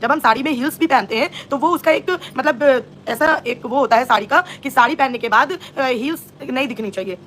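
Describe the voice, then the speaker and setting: A woman hosts a live-stream gossip commentary in a high, light voice. She scolds and taunts with heavy sarcasm, talking straight at the person she's calling out. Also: fairly quick, few pauses, fairly bright tone, a little hiss or hum.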